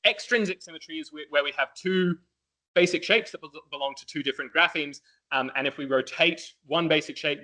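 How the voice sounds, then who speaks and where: After an academic talk, a Welsh man fields questions, hesitating often, restarting sentences, filling gaps with fillers and laughing easily. His voice is fairly high and a bit bright, and the recording is rough.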